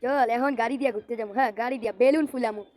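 A high-pitched woman voices a whole comic cartoon by herself. She jumps from one character to the next, loud and exclaiming. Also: fairly even intonation, racing. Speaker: channel voice performer. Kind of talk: comic cartoon dub, voicing every character.

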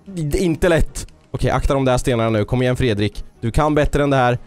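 A man's voice: mid-range voice, darkish tone, smooth. A man giving let's-play commentary on a game. He cheers on and scolds his character and drops English phrases into his talk. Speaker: gaming YouTuber. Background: faint game music.

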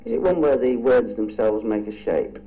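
A man's voice: mid-range voice, animated, normal speed, dark tone, slight background noise, rough recording. A man competing in a radio quiz, giving brief, tentative answers. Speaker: quiz contestant.

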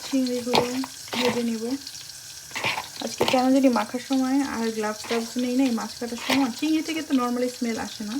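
A young woman chatting casually while cooking in her home kitchen, speaking softly and mixing English words into her talk. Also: fairly high pitch, steady tone, brisk, heavy background noise. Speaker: vlogger. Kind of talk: casual home vlog narration.

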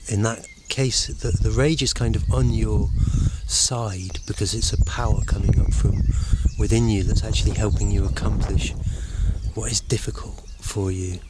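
A middle-aged male vlogger rambles reflectively to camera out in open countryside, halting as he hunts for words, his voice lowish and steady. He holds the camera at arm's length, and the noisy outdoor recording catches birds and other outdoor sounds.

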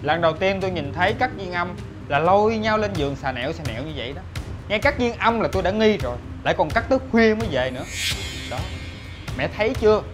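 Actor as betrayed young husband, quick and blunt; web drama with music bed. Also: male voice, sits high, lively intonation. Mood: cold. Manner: cold, blunt, accusing. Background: background music.

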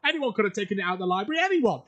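An actor playing an avaricious old miser in an audio drama, stammering and repeating himself in a husky voice. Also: male voice, high voice, sing-song, rapid-fire, a bit bright, highs cut off, full character voice. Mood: panicked pleading. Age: older. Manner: stammering, repetitive, pleading. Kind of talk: theatrical audio drama acting.

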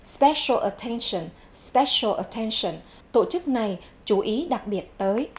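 A woman's voice: fairly high pitch, animated. A woman teaching a televised English vocabulary lesson, repeating each English word twice before giving its meaning. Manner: clear, measured classroom delivery. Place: TV studio.

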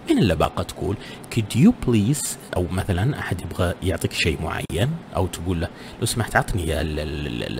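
Male tutor, casual, low voice with lively swings, slow English examples, faint hiss. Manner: switches between Arabic and slow English phrases; lively pitch, English examples spoken slowly and higher. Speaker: English teacher. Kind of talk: casual spoken lesson.

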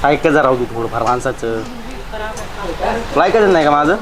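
A man playing a weary husband torn between his wife and his mother, pleading and trying to calm things down. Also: medium pitch, a little fast, crowd noise, natural voice, low-quality recording. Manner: pleading, tries to calm and placate.

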